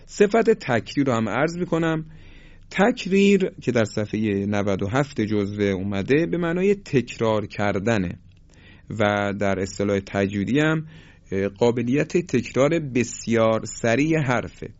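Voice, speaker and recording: A man gives a patient, courteous lesson on Quran recitation, pausing to recite example words slowly and carefully. His voice sits in an ordinary middle pitch. The recording is slightly muffled and lo-fi. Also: lively intonation, darkish tone. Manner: patient, polite, slows to stretch out each example word.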